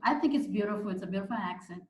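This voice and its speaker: A woman's voice: medium pitch, expressive, racing, a little mellow, echoey room, slight background noise, rough recording. A woman hosting a casual online meeting. She steers the talk along and teases the group. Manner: teasing, directs the conversation. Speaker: meeting host. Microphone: video call.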